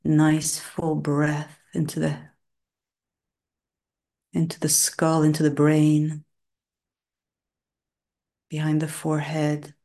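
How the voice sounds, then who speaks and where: In a low, monotone voice, a meditation guide walks through a relaxing breathing exercise. She speaks gently and slowly, in brief phrases with long silences, occasionally dropping to a soft whisper.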